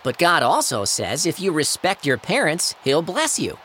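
A man voicing a friendly male tomato who hosts the show and gently teaches lessons, in a cartoon audio play. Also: fairly high pitch, wildly swooping pitch, moderate pace, slight background noise, exaggerated voice. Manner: warm, gently teaching, scripture-quoting. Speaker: host.

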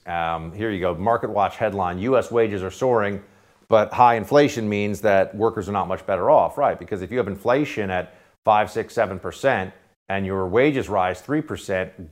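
On his political talk radio show, a man with a rather low voice offers sarcastic commentary, alternating between loud jabs and quiet asides.

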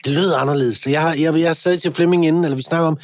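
A Danish man hosts a podcast in relaxed conversational style. His voice sits somewhat high for a man. The sound is dry, with very little room. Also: no echo. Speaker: podcast host. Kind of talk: casual chat.

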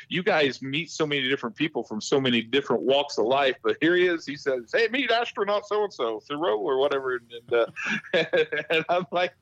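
Brief: guest racetrack manager, rambling and hesitant, dull lo-fi line, dry sound. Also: male voice, medium pitch, a bit bright, dry recording. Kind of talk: casual interview chat.

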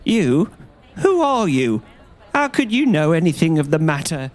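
A man's voice: sits high, very animated, slow, voice pushed up, full character voice. A man voicing a small, nervous rat-faced man who whines and quavers. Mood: frightened. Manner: whining, quavering.

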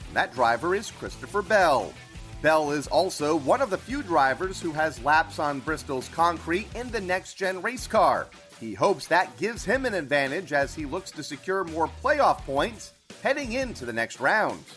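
A man's voice: fairly high pitch, very animated, moderate pace, a bit bright, faint music behind. A man delivering a scripted sports report as a motorsport radio reporter.

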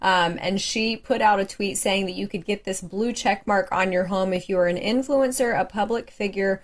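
A woman's voice: mid-range voice, moderate pace. Amused woman correspondent, wry tone. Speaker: West Coast correspondent. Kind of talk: chatty news segment.

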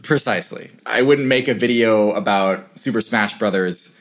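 Low-voiced young man musing casually. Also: normal speed. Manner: thoughtful, rambling, lots of "like" fillers. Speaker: interview guest, channel creator. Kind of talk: casual conversational interview.

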